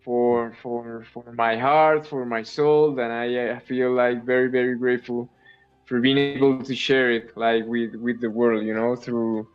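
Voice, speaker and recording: A man talking as a guest artist, enthusiastic and quick to repeat himself, with "like" dotted through his speech. His voice sits in a middle pitch. The sound is dull and lo-fi, with faint music playing behind him. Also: little pitch movement, smooth. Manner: enthusiastic, repeats words, fillers like "like". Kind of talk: casual interview conversation.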